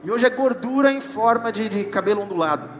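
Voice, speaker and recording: A man's voice: high voice, animated, a little fast. A man with a Brazilian Portuguese accent preaching a sermon as pastor, chatty and joking, with asides to the congregation. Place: church hall. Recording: echoey church hall with music. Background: music.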